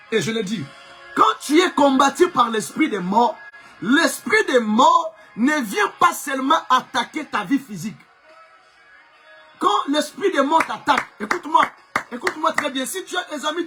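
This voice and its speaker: A pastor with a Congolese French accent, whose first language is Chokwe, preaches a live-streamed sermon in a very high-pitched voice. He's fervent, often shouting and repeating phrases for emphasis.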